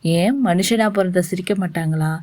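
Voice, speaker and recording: A woman's voice: lowish voice, moderate pace, mellow, dry recording, voice pushed down, close to an everyday voice. A woman voicing a teasing, bossy young man who gives orders, read as part of a story. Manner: teasing, commanding.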